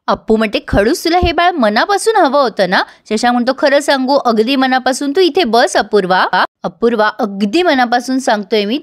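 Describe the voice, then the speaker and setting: A woman retelling a TV serial episode to viewers, quoting each character's lines in turn. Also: sits high. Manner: addresses viewers directly, brisk storytelling. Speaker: serial recap narrator.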